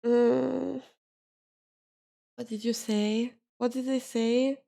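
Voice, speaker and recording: Woman streamer, high and gravelly, slow, tired and teary, casual chat. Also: flat delivery, warm tone. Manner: emotional, thanking viewers, near tears.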